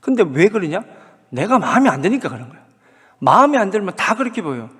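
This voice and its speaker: A male pastor preaching a sermon, talking in a lively way and asking the congregation rhetorical questions. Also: high voice, fast, husky. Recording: hall reverb.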